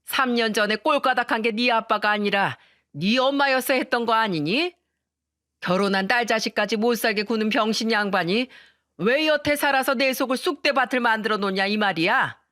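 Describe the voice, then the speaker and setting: A sharp-tongued older mother-in-law , as a woman reads her part who spits out insults and orders with open contempt. The voice sits a little above the reader's own, in a dry, close recording. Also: a little high, normal speed, no echo, lightly acted. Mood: scornful.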